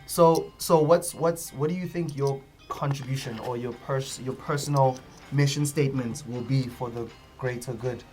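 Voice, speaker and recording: A man's voice: medium pitch, fairly even intonation, normal speed, a little mellow, faint music behind. A man hosting a casual panel, asking long questions full of repeated restarts. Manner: stammering restarts, probing questions. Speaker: host.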